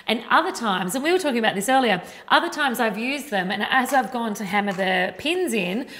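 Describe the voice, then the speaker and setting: Chatty Australian woman, slightly high voice. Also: expressive, fairly quick, a bit bright. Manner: colloquial, chatty, putting questions in lay terms. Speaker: host. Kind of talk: casual instructional chat.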